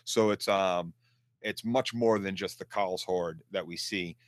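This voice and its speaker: Lower-voiced man co-hosting a casual show. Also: steady tone, measured pace, no room sound. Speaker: podcast co-host. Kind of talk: casual discussion.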